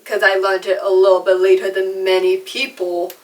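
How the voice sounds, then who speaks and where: A woman's voice: medium pitch, monotone, moderate pace, a little mellow, recorded from a distance, low-quality recording. A young woman who was adopted from China and raised in America, talking in a chatty, self-deprecating way about her speech. She speaks with a slight lisp and some trouble with R sounds. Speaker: vlogger. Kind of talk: personal storytelling vlog.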